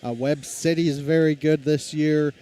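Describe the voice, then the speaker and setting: A man's voice: on the high side, steady tone, moderate pace, warm tone. Conversational play-by-play announcer man. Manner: conversational, reads lineups, self-deprecating. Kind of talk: casual high school basketball commentary.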